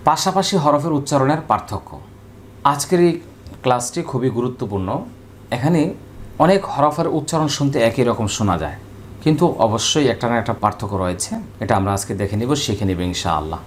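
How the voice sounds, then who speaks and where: A man teaching Quran recitation with a Bangladeshi Bengali accent, drilling Arabic letters slowly and repeating each sound with care. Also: medium pitch, lively intonation, a little hiss or hum. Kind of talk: slow, careful pronunciation lesson.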